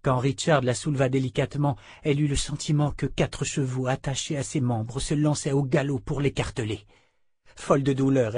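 A man narrating an audiobook in a measured, even storytelling manner. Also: mid-range voice, breathy edge, no room sound.

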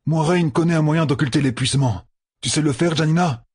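Guy doing a tired stubborn young lord, pushy questions, really husky, higher voice. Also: fairly quick, a little mellow, no room sound, studio quality. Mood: insistent. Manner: insistent, pressing questions. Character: exhausted young male lord, urgent, stubborn. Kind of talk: audiobook character voice.

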